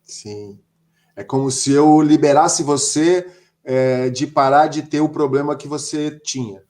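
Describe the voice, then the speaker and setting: A man's voice: a little high, a little slow, warm tone. A man in a casual teaching chat who asks questions and answers with short words of agreement.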